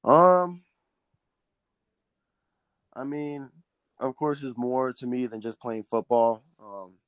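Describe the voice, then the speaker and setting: Speaking slowly and clearly in a resonant, mid-range male voice, this teenage quarterback guest from Southern California, whose first language is Spanish, answers interview questions earnestly with lots of ums and restarts. No room sound is heard.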